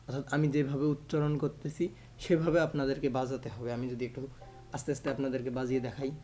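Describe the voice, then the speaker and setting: A man's voice: mid-range voice, flat delivery, fast talker, warm tone, a little hiss or hum. A man giving a patient instrument lesson, counting the beats aloud over and over. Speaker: music teacher.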